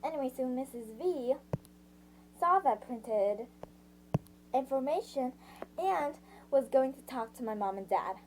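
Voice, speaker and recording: This amateur audiobook reader has a high, darkish voice with lively intonation, heard through slight hiss or hum on a low-quality recording. Reading a first-person novel haltingly, she keeps restarting and correcting lines and pauses to paraphrase sections.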